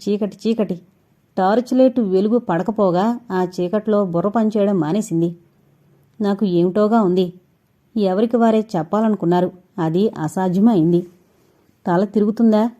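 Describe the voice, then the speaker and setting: A woman narrating a suspense audio novel with steady, suspense-building storytelling. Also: mid-range voice. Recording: dull lo-fi recording.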